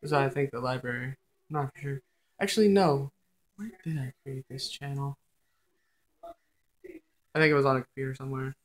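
A man's voice: mid-range voice, moderate pace, long pauses. A young adult man chatting casually and off the cuff as a vlog host, recorded on a selfie stick indoors. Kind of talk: casual chat on the fly. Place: small dim room indoors. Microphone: phone on a selfie stick at arm's length.

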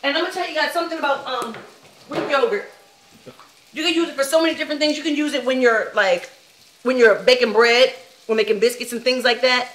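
A woman's voice: sits high, a little fast, fairly bright tone, rough recording. A woman hosting a casual cooking vlog, chatting and explaining recipes to viewers.

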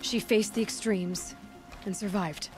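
An actress playing a steady, frank young outsider heroine in a video game, plain-spoken and measured. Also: female voice, mid-range voice, close to an everyday voice, rough recording. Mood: firm, measured. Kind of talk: dramatic video game acting. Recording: music behind. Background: game score music.

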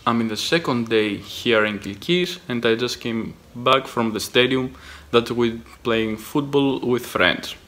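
Outdoors in a village, a young Greek man vlogs his travels to a phone held at arm's length. His mid-range, slightly bright voice carries a Greek accent, and his casual narration is plain and halting, full of fillers.

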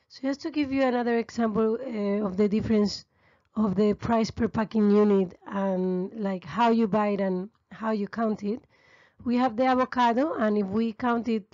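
A woman's voice: on the high side, mellow, no room sound, lo-fi sound. A woman teaching restaurant stock-taking over a screen recording, explaining steadily with frequent fillers. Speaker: restaurant finance tutor. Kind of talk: screen-recorded spreadsheet tutorial.

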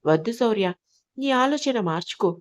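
Stern scolding inner conscience, read by a woman storyteller; insistent, higher and pushier than the narration. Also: expressive, normal speed, close to an everyday voice.

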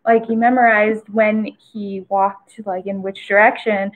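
Young woman co-hosting trivia, medium pitch, just chatting casually. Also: level tone, unhurried, low-quality recording. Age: young adult. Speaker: trivia co-host. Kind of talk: casual chat. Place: small indoor room by a window.

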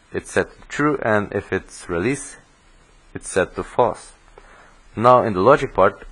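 Young male instructor, lowish voice, walks through code in a steady voice-over. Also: low-quality recording. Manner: steady explanatory, self-correcting restarts. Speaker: programming instructor. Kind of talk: screencast coding tutorial.

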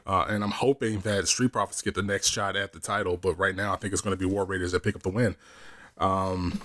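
A man's voice: low voice, steady tone, brisk, a bit bright. Rambling male wrestling podcast host. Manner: rambling, restarts, swears casually. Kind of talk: casual wrestling predictions chat.

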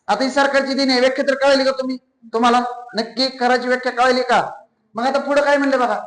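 A man's voice: extremely high pitch, a bit bright. A man teaching a class, drilling his students by asking the same questions again and again and waiting for their answers. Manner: repeats questions to the class, call-and-response. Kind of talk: classroom lecture. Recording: echoey classroom.

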